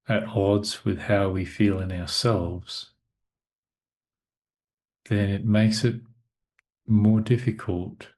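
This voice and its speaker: A male teacher gives a guided meditation talk at an extremely unhurried pace. His fairly low, darkish voice delivers the guidance in short, measured phrases, with long silences left between them.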